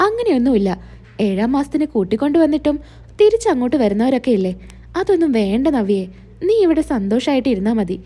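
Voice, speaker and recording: A woman's voice: high voice, very animated, fast, mellow. A woman voicing a scheming young husband who talks in a soothing, falsely sweet way. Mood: coaxing.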